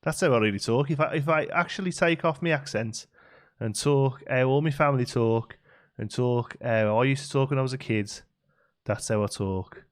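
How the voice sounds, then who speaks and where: Streaming a game from a home room with a green screen, a Staffordshire man with a West Midlands English accent chats casually and answers viewers. His voice is medium-pitched at a moderate pace. He's chatty and easygoing, with frequent restarts and fillers.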